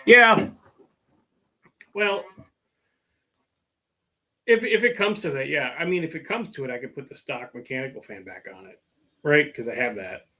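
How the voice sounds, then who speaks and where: A middle-aged man livestreams casually about working on his car in a fairly high, bright, forceful voice that's animated, at normal speed with frequent pauses. He rambles, leans on fillers, mocks himself, and reads out what viewers comment.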